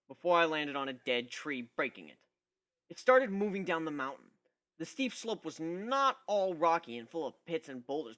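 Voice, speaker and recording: Narrating fan fiction in the first person, a man gives an amateur dramatic reading with a wry, conversational tone. His voice is fairly high and sounds pushed and bright.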